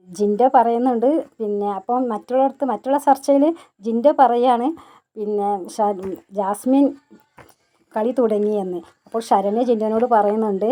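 A woman's voice: a little high, warm tone. A woman vlogger casually recapping reality show scenes, quoting the cast's lines in her own plain voice. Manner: retells scenes plainly, quoting lines without acting them. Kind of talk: casual spoken recap narration.

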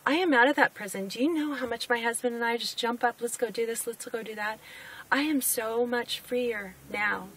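A woman's voice: fairly high pitch, normal speed, a bit bright. A woman in her forties from Oregon talks earnestly and heartfelt in a personal vlog from a parked car, repeating phrases for emphasis. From Oregon, United States. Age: 40s. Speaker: weight-loss vlogger. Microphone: camera on the dashboard. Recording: slightly distant car mic with outside noise.

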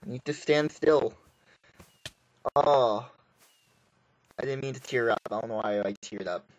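A man talks through his gameplay in a loose, rambling way, cracking jokes and breaking into sudden exclamations. His voice sits at an ordinary middle pitch. It comes across as casual commentary from a video host. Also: measured pace, lo-fi sound. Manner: rambling, jokey, exclaims often. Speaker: gaming YouTuber.

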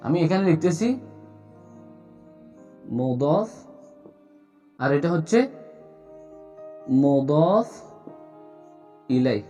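In a video lesson, a man with a voice that sits high teaches Arabic grammar step by step, asking himself questions as he goes.

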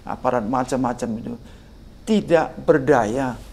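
A man's voice: medium pitch, a little slow. Emphatic older man. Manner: emphatic, animated, sprinkles "Pak" often. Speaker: guest political communication expert. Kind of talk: podcast interview.

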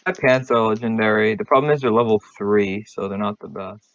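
A man's voice: lowish voice, brisk, a bit bright. A man chatting casually as a co-player in an online game. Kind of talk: casual gaming chat. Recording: muffled lo-fi mic, keyboard clicks.

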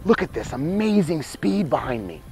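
A man, hosting a wildlife show outdoors by a cave, presenting with excited, emphatic showmanship on a lapel mic. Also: fairly high pitch, normal speed, creaky. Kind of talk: enthusiastic outdoor nature presenting. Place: outdoors by a cave in open country.

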